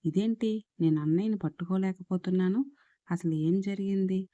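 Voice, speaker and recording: A woman's voice: mid-range voice, brisk, mellow, highs cut off, close to an everyday voice. A woman voicing a young woman's newly dead spirit who pleads in bewilderment and grief. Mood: bewildered.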